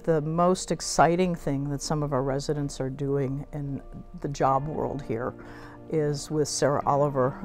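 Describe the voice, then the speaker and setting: A woman running a senior community, speaking briskly and upbeat in an interview. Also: sits low, fairly even intonation, a little mellow, soft background music.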